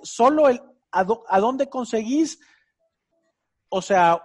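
A man's voice: high-pitched, a little mellow. A man with a Salvadoran Spanish accent hosting a casual financial advice show, enthusiastic and teasing. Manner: enthusiastic, teasing, uses vos. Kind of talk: casual radio advice chat.

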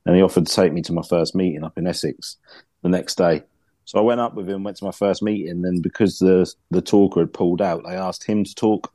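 A man's voice: deep voice, steady tone, a little fast, mellow, no echo. A man, a podcast guest candidly telling his own story in casual conversation. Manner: candid, self-deprecating storyteller.

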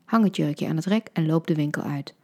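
A woman narrating a short story for her podcast in a soft, intimate way, often half-whispered, with a husky voice. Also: low-pitched, a little fast. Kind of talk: scripted narration.

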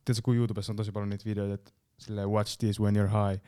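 Dark-voiced man in casual podcast chat. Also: on the low side, level tone, smooth, no echo, clean studio sound. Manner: joking, slangy banter. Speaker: podcast co-host.

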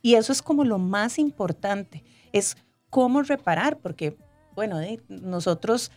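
A woman's voice: medium pitch, animated, a little slow. A woman, explaining emotional regulation on a talk show and often tagging her sentences with a question. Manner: frequent tag question "¿verdad?", warm explanatory tone. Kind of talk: casual explanatory chat.

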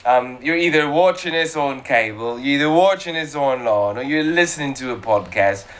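A man's voice: medium pitch, expressive, normal speed, a bit bright. A man hosting a casual panel chat, upbeat and rambling with fillers. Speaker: host.

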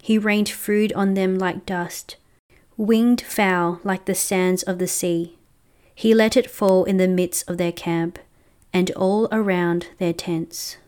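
Smooth-voiced woman reading scripture. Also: fairly low pitch, steady tone, slow pace, darkish tone. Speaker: lector reading scripture at Mass.

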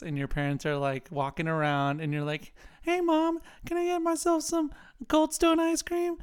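Smooth-voiced young man in casual chat. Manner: joking, animated storyteller who puts on a squeaky kid voice.

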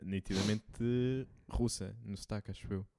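A young Portuguese man with a European accent and a low voice chats easily on a podcast, laughing often. His voice is close and dry, with no room sound. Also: normal speed, creaky, no room sound. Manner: laughs often, relaxed banter. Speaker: podcast co-host. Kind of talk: casual chat.

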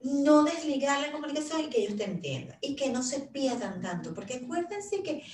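A woman's voice: high-pitched, brisk, slight background noise. A middle-aged woman talking casually about caring for her father, telling stories and acting out what people said. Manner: animated storyteller, acts out quotes of her father and herself. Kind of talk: casual talk sharing caregiving advice. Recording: roomy echo, a little far from the mic.

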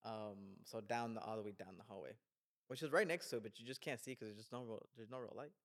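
A man in a casual chat, excitedly recapping a horror film scene by scene, swearing often and acting out the characters' lines. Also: on the low side, fast. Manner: excitable, profane, acts out scenes. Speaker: film discussion podcast co-host.

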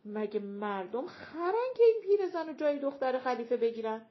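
A woman voicing a quarrelsome, mocking male clown of folk comic theater in an audiobook, talking loud and sing-song. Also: high-pitched, sing-song, lo-fi sound. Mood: scheming.

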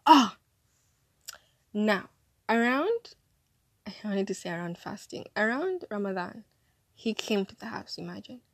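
A woman's voice: medium pitch, very animated, normal speed, dry recording. A young woman telling a casual storytime, chatty and dramatic, sounding drowsy and hungover. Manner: chatty, dramatic, acts out quotes. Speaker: storyteller vlogger.

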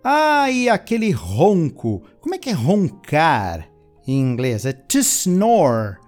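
Lively high-voiced man teaching English. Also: soft background music. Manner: switches between chatty explanations and slow, careful model sentences; playful asides to the learners. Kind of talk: language lesson with repeat-after-me drills.

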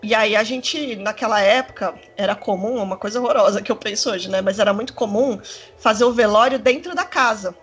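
A woman, telling a personal story in casual chat, rambling and animated with many fillers. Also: medium pitch, fairly quick. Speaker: storyteller in a conversation.

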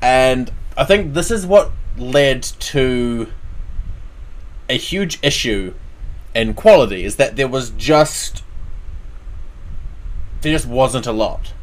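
Male host, mid-pitched voice, casual and opinionated conversational delivery with emphatic points. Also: animated, slow pace, long pauses, low-quality recording. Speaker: show host. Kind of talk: casual opinionated chat about anime dubs.

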